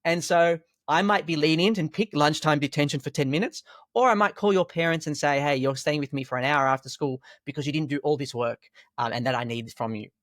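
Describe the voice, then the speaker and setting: A man who teaches school and martial arts, explaining classroom discipline in a calm, storytelling way with rhetorical questions. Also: on the high side, brisk, dry recording, clean studio sound. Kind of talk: conversational podcast explanation.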